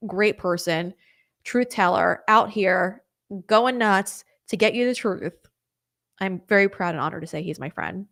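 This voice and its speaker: A young woman hosting a live stream, chatting casually and rambling through viewer comments with quick apologetic asides. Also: medium pitch, vocal fry, a bit bright. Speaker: host of a political live stream.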